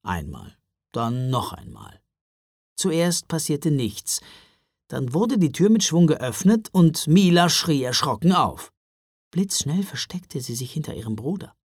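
A man narrating a children's story in an expressive, storybook manner. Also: fairly high pitch, unhurried, slightly rough, no echo, clean studio sound. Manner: expressive, wide-ranging delivery.

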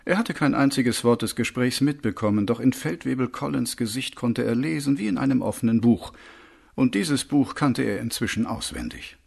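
A man narrating a story in an expressive, animated audiobook reading. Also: medium pitch, moderate pace, gravelly, breathy edge.

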